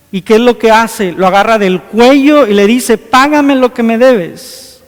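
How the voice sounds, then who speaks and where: A man with a high, clean voice preaches a homily as a priest in church, earnest and full of rhetorical questions, acting out scenes from scripture. The sermon is recorded with long hall reverb.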